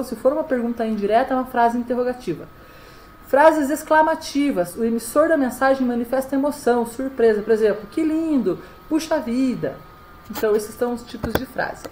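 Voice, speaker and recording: A woman's voice: a little high, slight background noise, low-quality recording. A woman teaching a grammar lesson, explaining step by step and often checking in with the class. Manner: explanatory, frequent "tá?" check-ins. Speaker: Portuguese teacher.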